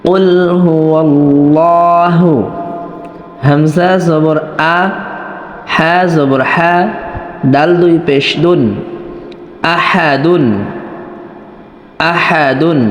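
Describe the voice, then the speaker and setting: Male Quran tutor, brisk explanations, slow chanted verses; long reverb, roomy sound. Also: on the high side. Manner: explains quickly, then chants Arabic verses slowly in long melodic lines. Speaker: Quran recitation teacher. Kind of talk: tajweed lesson with chanted recitation.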